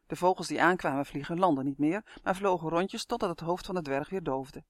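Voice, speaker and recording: Lively male storybook narrator. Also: on the high side, a little fast, no room sound. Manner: lively, expressive reading. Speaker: audiobook narrator.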